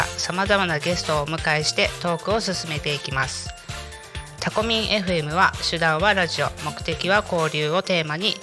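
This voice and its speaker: Woman radio host, low pitch, nasal stuffy-cold voice, conversational, music underneath. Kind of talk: community radio talk show hosting. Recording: music bed behind the voice.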